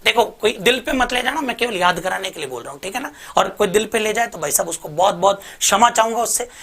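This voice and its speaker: Lively male teacher drilling mnemonics. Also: sits high, fast. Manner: lively, repetitive drilling, addresses viewers as bhai sahab. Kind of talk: online exam-prep lesson with mnemonics.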